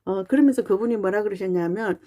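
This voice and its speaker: Woman vlogger, mid-pitched and mellow, chatty and earnest monologue with frequent "uh" pauses. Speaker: fan channel YouTuber. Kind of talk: casual talking-head monologue.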